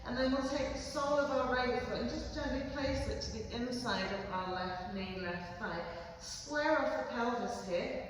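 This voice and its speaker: Female yoga teacher, gentle instructive delivery with frequent "okay?" check-ins, heard from a distance in a very echoey room. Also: a little high, moderate pace, few pauses. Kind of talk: guided yoga class instruction. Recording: very echoey room, voice far from mic, faint background noise.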